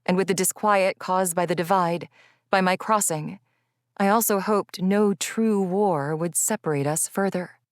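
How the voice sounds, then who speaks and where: Female audiobook narrator, first person, measured reflective delivery, slightly low, dry studio sound. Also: dry recording.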